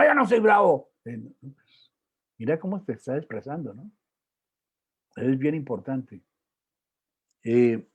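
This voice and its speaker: Warm, husky man giving a talk. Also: medium pitch. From Colombia. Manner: conversational, peppered with tag questions and fillers. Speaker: lecturer. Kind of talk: public talk on emotions and spirituality.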